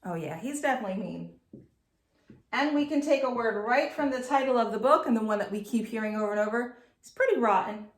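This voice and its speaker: A woman's voice: on the high side, animated, a little fast, echoey room. A woman teacher reading a storybook aloud to students, telling it expressively and adding chatty asides.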